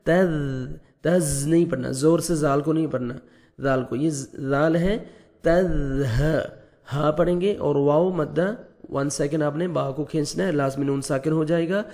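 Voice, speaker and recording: A man with a Pakistani Urdu accent teaching Quran recitation rules, patiently explaining step by step and chanting verses slowly. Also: a little high, fairly even intonation, darkish tone.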